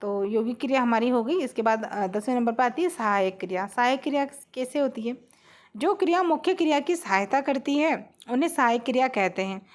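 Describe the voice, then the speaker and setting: High-voiced woman teaching grammar. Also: lively intonation, fairly quick. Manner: explains step by step, repeats examples, frequent check-ins. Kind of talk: blackboard grammar lesson.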